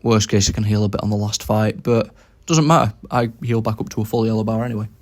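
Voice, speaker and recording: A man's voice: on the low side, fairly even intonation, fast. A young man giving casual commentary over his own game, thinking aloud about each move as he plays.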